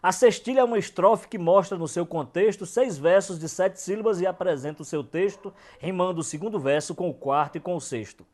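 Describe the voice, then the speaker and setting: A man, a cordel poet explaining verse form in an emphatic documentary lecture, slowing down to stress syllables. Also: high voice, a little mellow. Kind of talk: documentary lecture on folk poetry.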